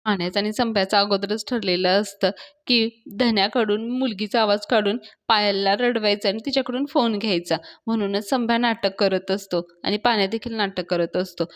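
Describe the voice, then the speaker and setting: A woman narrating a brisk recap of a TV serial episode. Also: mid-range voice, fairly even intonation. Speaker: serial reviewer.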